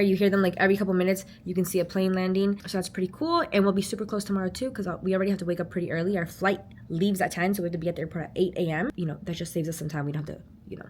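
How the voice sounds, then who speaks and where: Fast-talking chatty woman vlogger. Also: medium pitch, darkish tone, a little hiss or hum. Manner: chatty, upbeat, peppered with "like". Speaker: travel vlogger. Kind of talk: casual travel vlog narration.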